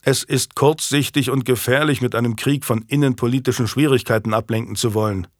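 A man's voice: medium pitch, fairly even intonation, fairly quick, no room sound, clean studio sound, close to an everyday voice. A man voicing a stern, grave counselor. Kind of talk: audiobook character voice.

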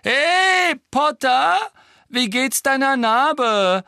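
A man's voice: very high-pitched, lively intonation, drawn-out words, gravelly, pushed and bright, no room sound, clean studio sound, voice pushed up, heavily acted. A man voicing an arrogant teenage boy who mocks his rivals in a scornful tone. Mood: taunting. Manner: mocking, scornful.

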